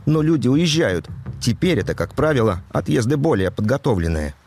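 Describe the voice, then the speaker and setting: A man narrating a news report as a voice-over in an even, measured delivery. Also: mid-range voice, soft background music.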